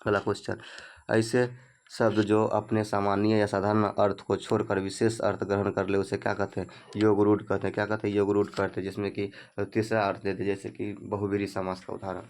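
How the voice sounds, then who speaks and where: Flat-voiced man drilling exam answers. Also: fairly low pitch, brisk. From Bihar, India. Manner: drills answers by repeating questions. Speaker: exam coach. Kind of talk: exam prep lesson.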